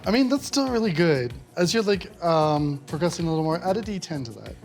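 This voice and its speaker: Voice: medium pitch, big pitch swings, brisk, creaky. Casual game master with music behind. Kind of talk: improvised tabletop game narration.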